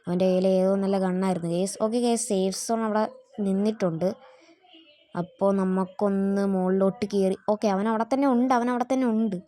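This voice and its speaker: A woman's voice: medium pitch, fairly even intonation, a little fast, warm tone. A woman hosting a gaming channel, giving casual gameplay commentary and chatting to viewers as she plays. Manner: chatty, keeps addressing viewers as guys.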